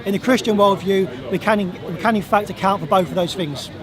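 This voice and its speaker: A man with a high, hoarse voice argues his points in a street debate, speaking fairly quickly and insistently, repeating words whenever someone cuts him off. Around him, a crowd murmurs audibly in an open public park.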